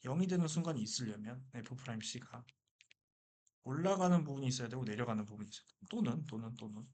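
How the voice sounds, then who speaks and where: A man gives a math lecture in a slightly husky voice. He talks the class through each step, keeps throwing questions at them and answers them himself, with an easy, casual energy. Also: medium pitch, fast talker. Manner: lively, asks and answers his own questions. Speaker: math teacher.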